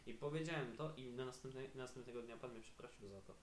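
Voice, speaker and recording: A teenage boy chatting on a homemade podcast, his delivery dry and full of sarcastic asides. His voice sits at an ordinary middle pitch. The room around him rings with echo, and a faint hum sits under the talk. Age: teens. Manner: dry, sarcastic, quick jokes. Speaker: podcast co-host, student. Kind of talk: casual chat.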